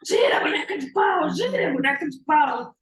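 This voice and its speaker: A woman voicing a young male student in a mad frenzy, shouting and chanting high, in an echoey room. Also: lively intonation, moderate pace. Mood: frenzied shouting.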